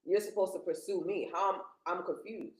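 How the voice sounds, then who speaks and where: A woman's voice: fairly low pitch, fairly even intonation, normal speed, echoey room, rough recording. A woman in her thirties speaking bluntly and plainly as a guest in a casual podcast conversation, with slangy phrasing. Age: 30s.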